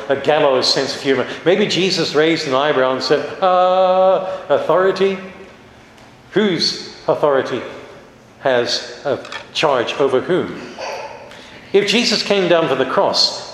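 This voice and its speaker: A man's voice: fairly high pitch, a little hiss or hum. Preacher man in an echoing hall. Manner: animated, rhetorical questions, dramatic emphasis on key words. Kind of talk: sermon. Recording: very echoey hall with long reverb.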